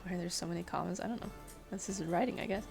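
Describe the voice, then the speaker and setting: A woman's voice: on the low side, steady tone, rapid-fire, creaky, music in the background. A young woman streamer doing a dramatic story reading with playful asides to her chat.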